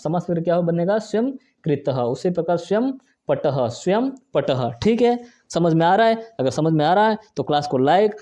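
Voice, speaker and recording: A man teaching a Sanskrit grammar lesson, talking fast, repeating each example and asking and answering his own questions. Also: a little high, warm tone. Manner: fast, brisk delivery. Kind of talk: exam-prep grammar lesson.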